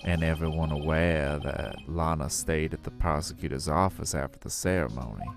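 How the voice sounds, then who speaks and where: A man voicing a pompous older male police chief in a fan dub of a game, speaking in a slow, mocking, theatrical way. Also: extremely low pitch, over music. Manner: slow, drawn-out, mocking delivery.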